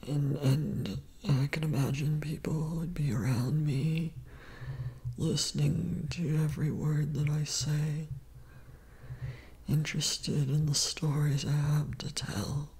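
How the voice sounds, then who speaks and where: Very slow, breathy, gravelly whispering man. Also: a little high, flat delivery, a little mellow, rough recording. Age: young adult. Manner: very slow, halting, with repeated words. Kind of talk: sleepy ASMR voice.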